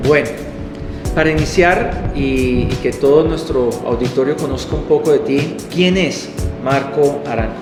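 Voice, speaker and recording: A man's voice: medium pitch, measured pace. A man, a lecturer hosting an interview, asking questions hesitantly with many fillers. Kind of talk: hosted interview. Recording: echoey hall with music.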